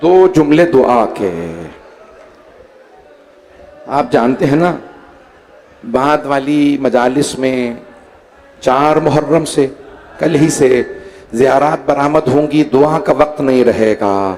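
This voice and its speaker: A man preaching a Muharram mourning sermon in an imambargah, with an impassioned, drawn-out chanting delivery. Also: mid-range voice, darkish tone, big-room sound. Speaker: majlis preacher. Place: imambargah hall.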